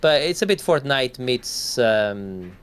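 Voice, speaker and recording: Man, podcast co-host, casual gaming chat, rambling, swears offhand, average pitch. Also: very animated, slow pace, smooth.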